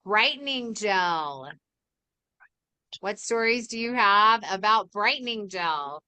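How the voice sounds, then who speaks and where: A woman's voice: medium pitch, a little slow, bright, forceful tone, smooth, dry recording. A woman hosting a casual group game in the manner of a bingo caller, announcing each item and prompting the players. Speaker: host calling bingo cards.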